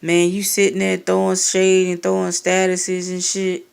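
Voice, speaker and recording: A woman's voice: on the low side, a little slow, vocal fry, clean tone. A young woman telling a personal story in a casual, profane and sarcastic rant, acting out the exchanges. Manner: profane, sarcastic, animated retelling with quoted exchanges.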